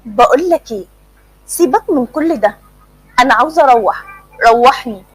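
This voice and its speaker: A woman's voice: high voice, expressive, fairly quick, slightly rough, no echo, rough recording. A woman voicing a frightened young woman who pleads and mocks. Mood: pleading. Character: scared young woman, pleading and sharp-tongued.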